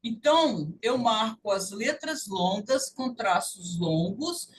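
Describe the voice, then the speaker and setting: Brazilian woman teacher, patient and slow-spoken, heard from across the room. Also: mid-range voice, animated, recorded from a distance, a little hiss or hum, rough recording. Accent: Brazilian Portuguese. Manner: patient, repeats sounds slowly to demonstrate. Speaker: language teacher. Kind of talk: online English lesson.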